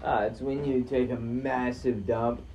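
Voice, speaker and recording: A man in a casual chat among friends, teasing and deadpan. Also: medium pitch, unhurried. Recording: dull lo-fi with faint noise.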